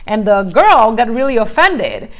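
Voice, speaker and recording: A woman's voice: a little high, big pitch swings, measured pace, fairly bright tone. A middle-aged woman leading a motivational workshop in a conversational way, asking rhetorical questions and acting out examples. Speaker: coach.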